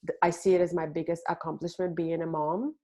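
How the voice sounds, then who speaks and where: A middle-aged woman from Puerto Rico, a parenting expert answering interview questions with hesitant pauses and many ums. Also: on the low side, flat delivery, mellow. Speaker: podcast guest, parenting expert.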